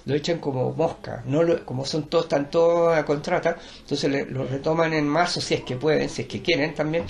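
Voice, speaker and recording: Gravelly older Chilean man, lecturing. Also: on the high side, fairly even intonation, brisk, slight background noise. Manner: digressive, repeats words and restarts, lecturing. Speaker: art teacher and performer. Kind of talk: rambling conversational interview.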